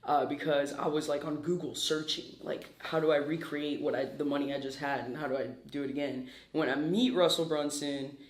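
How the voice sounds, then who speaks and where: A man's voice: fairly high pitch, steady tone, a little fast, few pauses. Hyper, brash young man in an echoey room. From Peru. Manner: hyper, brash, swears freely. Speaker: interview guest. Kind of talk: casual interview chat.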